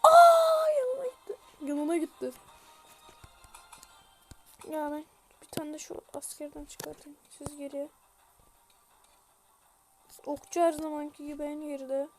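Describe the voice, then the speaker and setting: A woman giving casual gameplay commentary, chatty and self-mocking, shouting orders at her troops. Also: sits high, unhurried, pauses often, soft background music. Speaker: gaming youtuber.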